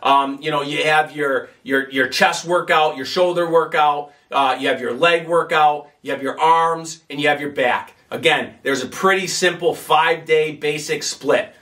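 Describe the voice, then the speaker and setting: A man's voice: on the high side, moderate pace, few pauses, bright, forceful tone, recorded from a distance. A middle-aged man hosting a bodybuilding channel, giving casual advice to the camera in a home basement gym, rambling and repeating himself with many fillers.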